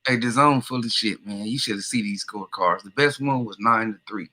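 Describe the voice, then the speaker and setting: A man's voice: lowish voice, brisk, bright, forceful tone. A man co-commentating on a boxing stream, giving casual post-fight verdicts in terse, blunt, slangy phrases.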